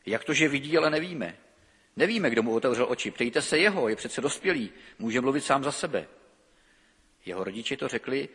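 A man's voice: medium pitch, slightly rough. A middle-aged man preaching a sermon, reading scripture expressively and then talking freely with hesitations. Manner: lively expressive reading, halting with fillers when speaking freely. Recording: long reverb of a church hall.

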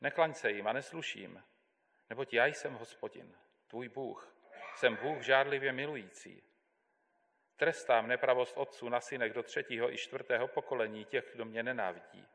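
A man giving a measured, deliberate Bible reading as a scripture reader in a church. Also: mid-range voice, gravelly, fairly bright tone. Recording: long hall reverb.

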